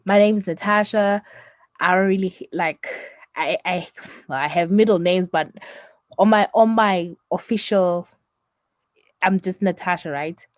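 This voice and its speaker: A woman from Zimbabwe with a lowish voice talks at a measured pace as a podcast co-host. Her chat is casual and animated, full of laughter and points finished with "right?". The sound is clean studio audio without echo.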